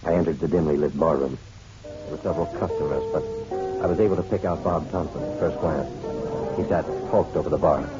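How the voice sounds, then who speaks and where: A man with a bass voice, speaking a little fast, plays a dry, wry private detective in a hardboiled radio drama, delivering clipped, matter-of-fact lines. The recording sounds dull, like old radio, with music playing behind him.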